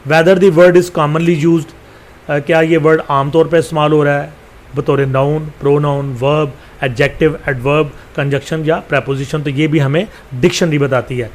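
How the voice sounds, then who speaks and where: A male teacher with a Pakistani accent who reads English lines slowly, then explains them at length with many pauses. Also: fairly high pitch, fairly even intonation, a little hiss or hum. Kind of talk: explaining a textbook lesson.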